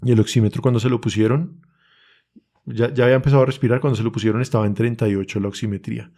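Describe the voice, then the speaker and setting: A man's voice: medium pitch, fairly even intonation, racing, mellow. A young man with a Bogotá accent, telling an emotional personal testimony as a podcast guest in an urgent, earnest way. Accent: Colombian, Bogotá. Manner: earnest, urgent storytelling, reenacts his own pleas.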